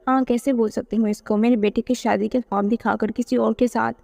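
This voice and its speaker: A woman's voice: fairly high pitch, fairly even intonation, fairly quick, creaky, dark tone. A woman voicing a firm, protective middle-aged mother who talks in a commanding way, in a read-aloud novel.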